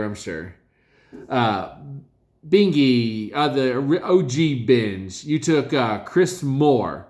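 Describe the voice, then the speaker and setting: A man casually reviewing his fantasy league's draft picks, talking in a halting, rambling way with many fillers and self-corrections. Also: medium pitch.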